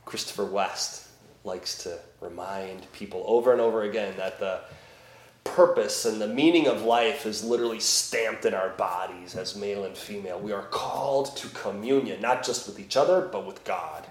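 A priest at Mass, reading the Gospel and preaching in a slow, deliberate way with emphatic swells, his voice ringing with church echo. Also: on the low side. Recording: echoey church room.

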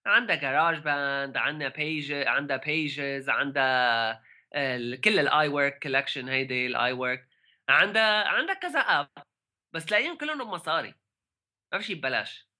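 Sharp, bright-voiced Levantine Arabic man, chatting. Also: on the high side. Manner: halting, mixes English tech words into Arabic. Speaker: podcast co-host. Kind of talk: casual tech discussion.

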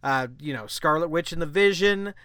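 A man co-hosting a podcast in casual chat, animated and laughing often. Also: fairly high pitch, normal speed, clean tone, no room sound, studio quality. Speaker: podcast co-host.

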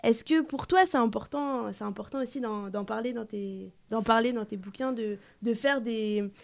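A woman hosting a public radio interview, asking informal, exploratory questions with halting phrasing. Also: on the high side, vocal fry.

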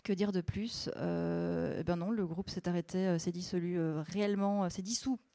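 Woman chatting about her records, stops and restarts a lot, lowish warm voice. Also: fairly even intonation, gravelly, dry recording. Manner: hesitant, halting, many fillers and restarts. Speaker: record presenter. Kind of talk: casual spoken presentation of vinyl records.

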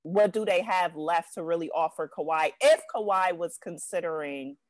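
Woman, lower-pitched, casual sports podcast host, dry close podcast mic sound. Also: moderate pace, a little mellow, dry recording.

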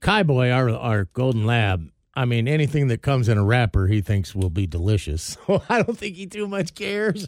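A man's voice: mid-range voice, very animated, normal speed, few pauses, darkish tone, dry recording. A man hosting a casual morning radio show, running through sports news and stories in a loose, rambling way with fillers.

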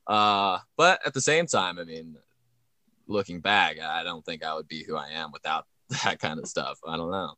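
A man co-hosting a podcast, talking in a relaxed, wry way. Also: low voice, moderate pace, dry recording. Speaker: podcast co-host. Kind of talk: casual podcast conversation.

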